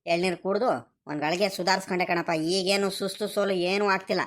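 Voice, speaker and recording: A gentle, dutiful young farm lad from a village cartoon, voiced by a woman. He speaks in a mid-pitched voice with a rural Karnataka Kannada accent. He explains himself softly and pleadingly. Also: steady tone, a little fast, lightly acted. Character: poor young male farm boy and student, gentle and dutiful. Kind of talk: animated cartoon voice acting.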